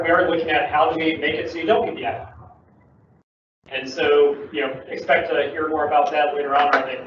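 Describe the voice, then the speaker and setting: A man's voice: a little high, fairly bright tone, slight background noise. A man giving a chatty, upbeat talk at a tech user-group meeting, joking as he explains. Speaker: Microsoft security presenter. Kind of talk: casual meetup talk. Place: meeting room. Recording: echoey room from far, dull mic.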